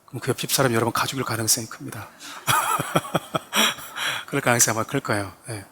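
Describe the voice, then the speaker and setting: A man's voice: mid-range voice, fairly quick, bright, forceful tone, a little hiss or hum. A man, a pastor, preaching a sermon and speaking directly to his congregation, often acting out quoted lines with rising emphasis. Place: church sanctuary.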